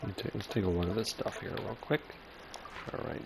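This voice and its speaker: A gamer making a playthrough reads game dialogue aloud, adding casual asides and stumbling a bit. His fairly low voice moves briskly, and the background is clearly noisy.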